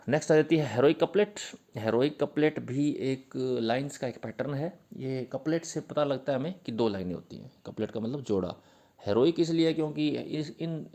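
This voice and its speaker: A male teacher giving an exam-prep literature lecture in Hindi mixed with terms. He reads definitions slowly, then explains them patiently with fillers and repetition. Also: medium pitch, warm tone. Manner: uses fillers, repeats points patiently.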